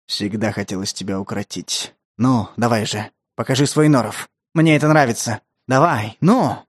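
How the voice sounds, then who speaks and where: A man voicing a lecherous, menacing older stepfather who talks in a wheedling, breathy way. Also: medium pitch, moderate pace, dry recording, clean studio sound, voice pushed down, lightly acted. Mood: leering. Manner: wheedling, breathy, then snarling.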